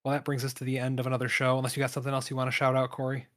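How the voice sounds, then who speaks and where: A man's voice: mid-range voice, monotone, very fast, a bit bright. A man co-hosting a board game podcast in casual chat, telling stories and laughing often. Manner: laughing, chatty storytelling. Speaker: podcast co-host.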